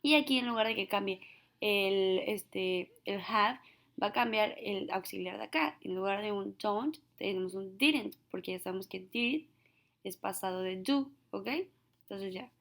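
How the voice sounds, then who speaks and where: Woman, gravelly English teacher; slows down for example sentences in a recorded lesson. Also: mid-range voice.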